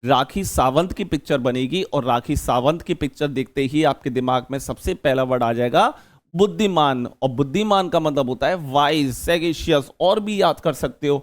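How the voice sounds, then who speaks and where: A man's voice: a little high, moderate pace. A man teaching an exam-prep vocabulary lesson, chatty and joking, repeating key words as memory tricks.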